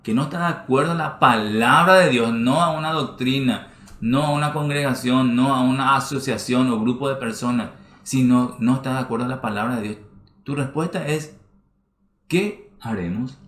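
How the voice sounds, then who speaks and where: A man's voice: mid-range voice, a little fast, a bit bright. A man preaching a sermon as pastor, stressing his points by repeating phrases. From Paraguay. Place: church hall. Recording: roomy church livestream.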